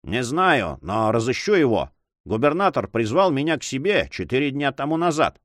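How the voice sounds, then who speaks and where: A man voicing a hypocritical old judge who talks in a drawling, flattering, prim way. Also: mid-range voice, moderate pace, no echo, studio quality, pitched above the performer's own voice. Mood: gloomy. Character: hypocritical old male judge, pious and fawning.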